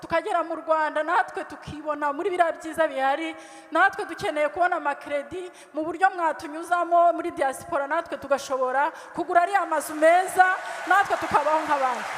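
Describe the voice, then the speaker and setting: Woman at a public forum, high voice, earnest plea, hall reverb. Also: fast. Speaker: audience member asking a question. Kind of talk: public question at a town hall. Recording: echoey hall.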